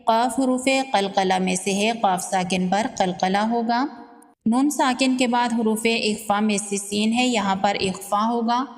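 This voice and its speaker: A woman teaching recitation rules in a fairly high voice, moving calmly through each rule one at a time. Between the rules she recites verses very slowly, drawing out the sounds. A long reverb trails after her voice. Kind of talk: tajweed lesson with slow recitation.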